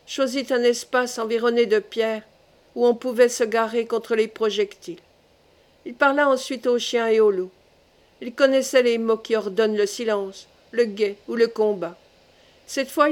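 Woman, audiobook narration, measured delivery, fairly high voice. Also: a little mellow. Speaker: audiobook reader. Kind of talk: scripted narration of a novel.

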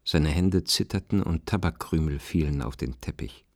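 A man narrating a radio drama in a calm, even manner. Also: very deep voice, normal speed, dry recording, clean studio sound.

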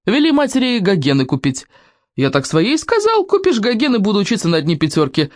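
A man's voice: high-pitched, huge pitch swings, fairly quick, no room sound, clean studio sound, pitched above the performer's own voice. A man reading a storybook, voicing a boastful, bossy schoolboy who speaks in a solemn, commanding way. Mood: scornful.

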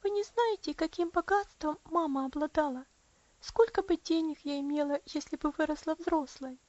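A frail little girl's voice, high and thin, pleading weakly through tears, as a woman narrator puts her on. It rises well above the reader's own high register. The recording is dry and a bit dull. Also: normal speed, a little mellow, dry recording, natural voice. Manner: pleading, tearful, weak. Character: frail, sickly little girl longing for father.

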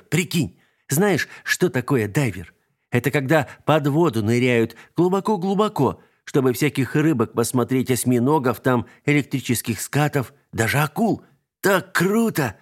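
A man voicing an excited, chattering little girl in a storybook reading. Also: moderate pace, lightly acted. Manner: breathless, bubbly, high squeals.

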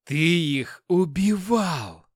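A man voicing a furious male inspector who shouts accusations, his voice shaking with rage. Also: fairly high pitch, expressive, very slow, dry recording, clean studio sound, voice pushed up, heavily acted. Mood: enraged shouting.

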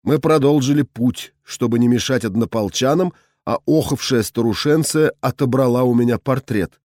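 A man narrating a first-person audiobook in an even, measured storytelling manner. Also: mid-range voice, dry recording, clean studio sound. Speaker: audiobook reader.

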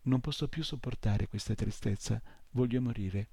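A man's voice: mid-range voice, normal speed, slightly rough, no room sound. A man voicing a weary, hopeless little horse. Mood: sorrowful. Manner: soft and heavy with sorrow. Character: small despairing male horse, weary and sad. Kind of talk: audiobook reading.

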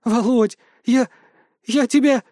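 A man's voice: very high-pitched, fairly even intonation, takes it slowly, dark tone, dry recording, clean studio sound, pitched above the performer's own voice. A man voicing a tearful, lovestruck young woman who gushes with emotion. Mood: gushing. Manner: emotional, gushing.

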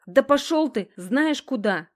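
A woman's voice: fairly high pitch, normal speed, voice pushed up, natural voice. A woman voicing a tearful, hysterical young woman who whines and snaps. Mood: snapping. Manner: whiny, sharp and emotional.

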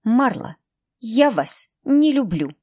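A woman's voice: fairly high pitch, expressive, normal speed, dry recording, clean studio sound, natural voice. A woman voicing a rebellious teenage schoolgirl who talks back indignantly. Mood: defiant. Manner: indignant, defiant.

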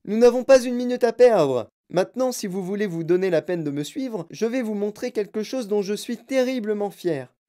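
A narrator voicing an excitable, eccentric grown-man candy-maker who talks in boastful, bouncy exclamations. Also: mid-range voice, normal speed, few pauses, pitched above the performer's own voice, lightly acted. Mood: eager, hurried.

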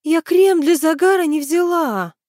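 Woman voicing excitable young woman traveler, high and loud, storybook reading, dry sound. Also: no room sound. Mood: alarmed. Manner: excitable, quick to exclaim.

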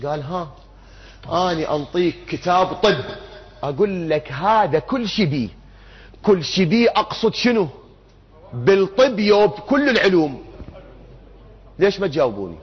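A man's voice: high voice, big pitch swings, normal speed, long pauses, breathy edge. A man giving an interactive religious lecture, putting questions to his audience and answering them himself. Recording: muffled lo-fi recording.

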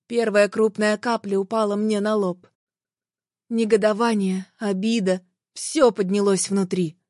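A woman's voice: medium pitch, a little slow, dry recording, studio quality. Woman narrating an emotional audiobook. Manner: emotional, expressive reading. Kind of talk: first-person audiobook narration.

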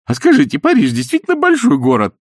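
Giddy fawning flatterer, shrill very high voice, loud, exclamatory, breathless, dry close sound. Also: male voice, fast, slightly rough, no room sound, heavily acted. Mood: gushing. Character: giddy fawning man gushing compliments.

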